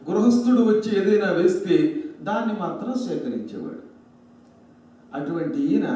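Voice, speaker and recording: A man giving a religious storytelling sermon into a microphone, lively and full of humorous asides. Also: high voice. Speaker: religious discourse speaker. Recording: very echoey hall, distant mic.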